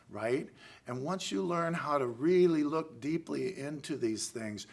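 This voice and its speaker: Slow-paced American man teaching karate class. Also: a little high, fairly bright tone. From United States. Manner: halting, with pauses and frequent "right?" check-ins. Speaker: karate instructor. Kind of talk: spoken class lecture.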